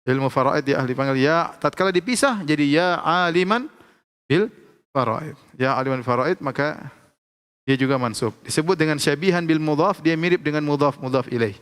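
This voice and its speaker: A man teaching Arabic grammar in a lecture, explaining slowly and repeating each example with frequent checks of "ya". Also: on the high side, a bit bright, clean tone. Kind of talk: classroom lecture. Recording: long hall reverb.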